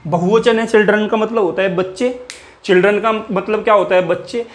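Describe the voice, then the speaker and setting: A man with a high-pitched voice teaches an English grammar lesson at a fairly quick pace, his intonation fairly even. In this classroom lecture he quizzes students with questions he answers himself, dropping his voice on the answers and repeating key words again and again.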